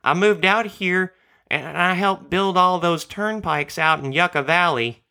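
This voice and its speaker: A man voicing a loud, deaf older male neighbor who talks slowly and draws out his words. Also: high-pitched, creaky, clean tone, voice pushed up, full character voice. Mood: wistful.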